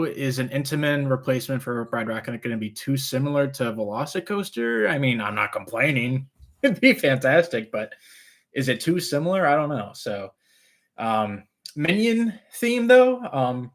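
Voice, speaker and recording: Taking viewer questions casually, this rambling, relaxed stream host speaks at medium pitch. His R's tend to turn into W's.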